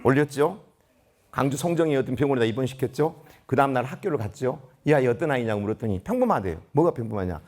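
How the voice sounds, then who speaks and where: A man's voice: medium pitch, quick pace. A middle-aged man giving a storytelling lecture to school leaders, acting out the dialogue as he goes. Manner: animated, acts out dialogue. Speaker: lecturer at a principals' training.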